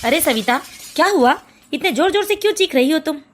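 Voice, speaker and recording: A woman voicing an older father in an animated family story, calm and questioning. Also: high voice, a little fast, soft background music. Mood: puzzled.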